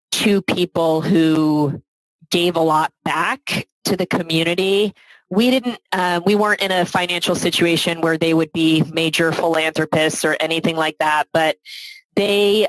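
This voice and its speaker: A woman's voice: deep voice, low-quality recording. A middle-aged woman speaking as a guest in a podcast interview, talking reflectively and often adding "right?" to her sentences. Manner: reflective, adds frequent "right?" tag questions. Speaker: guest, philanthropy advisor.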